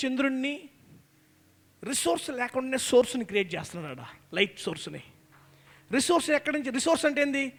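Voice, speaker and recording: A man from India preaching a fervent sermon in a church, swinging between shouts and low, intense passages and repeating his phrases. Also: in a large hall.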